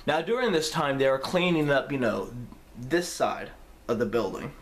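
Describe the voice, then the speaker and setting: A young man telling a story on his vlog, casual, profane and animated. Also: medium pitch, moderate pace. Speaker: vlogger.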